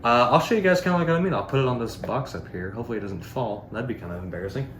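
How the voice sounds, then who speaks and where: A male product reviewer races through a relaxed, unplanned demo, rambling and dropping in plenty of filler words. His voice sits at medium pitch and sounds a bit bright. The room adds echo, and faint background noise is audible.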